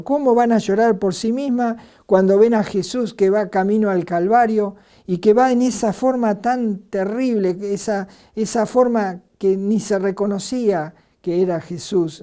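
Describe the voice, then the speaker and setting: An Argentine woman preaching a sermon in an earnest way, asking rhetorical questions and pausing on filler words. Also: medium pitch, warm tone. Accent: Argentine Spanish.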